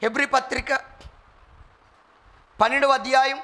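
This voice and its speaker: A man with a very high, bright voice preaches a sermon to his congregation. He keeps firing questions at the listeners and mimics squabbling people in quick asides. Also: steady tone. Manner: calls out questions to the congregation and asks for responses. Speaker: pastor.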